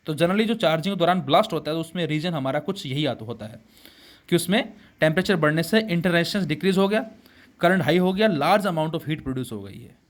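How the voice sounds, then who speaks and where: Guy teaching physics class, hindi with english words, keeps asking his students questions then answering, kinda high voice. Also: lively intonation, fairly quick. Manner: explains in Hindi mixed with English terms, addresses students as beta and bacche; asks rhetorical questions and answers them himself.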